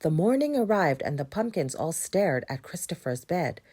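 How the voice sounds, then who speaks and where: A woman reading a rhyming children's book aloud with an expressive, rhythmic delivery. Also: on the low side, normal speed. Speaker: storybook reader. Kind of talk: children's read-aloud narration.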